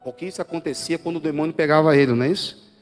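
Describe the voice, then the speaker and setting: Brazilian pastor preaching, loud bursts and hushed asides. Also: male voice, fairly even intonation, very fast. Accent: Brazilian Portuguese. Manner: swings between loud emphatic bursts and low quiet asides. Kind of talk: Easter Sunday sermon. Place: church. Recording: live church audio with faint music.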